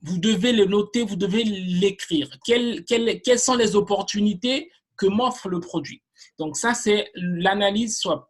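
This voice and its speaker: A woman teaching an online marketing course, explaining step by step in a deliberate way, often pausing on fillers and repeating herself. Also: mid-range voice, husky. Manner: slow and deliberate, with frequent fillers and repetitions. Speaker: marketing instructor.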